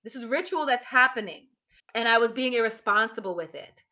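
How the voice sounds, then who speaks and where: A woman's voice: fairly high pitch, brisk, sharp tone. A woman candidly telling a personal story to her listeners, talking animatedly with many restarts and fillers. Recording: dull lo-fi recording.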